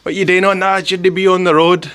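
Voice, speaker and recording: A man's voice: high-pitched, flat delivery, fairly quick, a bit bright, clear, resonant tone, voice pushed up. A man with a Scottish accent putting on the voice of a bossy small policewoman barking orders. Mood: angry shouting.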